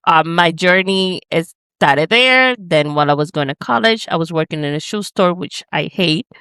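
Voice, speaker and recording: A woman from the Dominican Republic with a fairly low, smooth and clear voice. She tells her story as a podcast guest in a casual, earnest way. Her voice is recorded dry and close, with no room sound. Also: lively intonation, normal speed, a bit bright, dry recording. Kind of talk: casual interview answers. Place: home in the Bronx, calling in.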